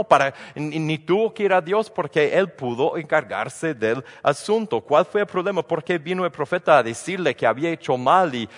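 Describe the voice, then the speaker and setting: Male pastor, conversational sermon, mid pitch, long hall reverb. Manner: conversational preaching with frequent restarts and rhetorical questions.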